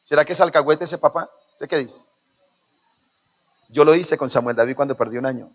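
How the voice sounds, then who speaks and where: A man's voice: a little high, fairly quick. A man with a Colombian Spanish accent preaching a sermon as pastor, calling out to the congregation and acting out quoted parents. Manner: preaching with call-and-response to the congregation; acts out quoted parents in shifting voices. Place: church. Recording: dull lo-fi sermon recording.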